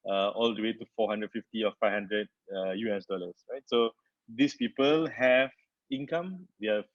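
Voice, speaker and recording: A man from Singapore, presenting a webinar from his home, speaking haltingly with many "uh" fillers and restarts. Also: lowish voice, dry recording. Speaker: company founder presenting a webinar. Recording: dull, dry webinar audio.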